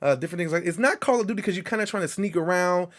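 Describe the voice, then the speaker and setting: A man hosting a casual virtual reality show, chatting fast and loose with plenty of slang. His voice sits a little higher than most men's, and he gets animated when a story takes off. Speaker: podcast co-host.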